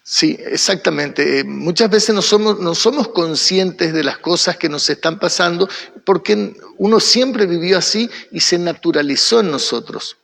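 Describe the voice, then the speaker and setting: A man with an Argentine accent leads a church Bible study in a high, gravelly voice. He asks a question, answers it himself, and keeps checking in with his listeners. His voice echoes with long reverb, as if recorded in a large hall. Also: expressive, measured pace, a bit bright. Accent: Argentine Spanish. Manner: keeps checking in with the audience by asking "¿sí?"; poses questions and then answers them himself.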